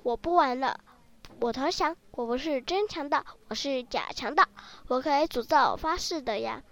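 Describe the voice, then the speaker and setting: A woman's voice: high voice, lively intonation, moderate pace. A woman voicing a cowardly big grey wolf who plays at being a fierce bandit, blustering and then trembling with fear. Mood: scared.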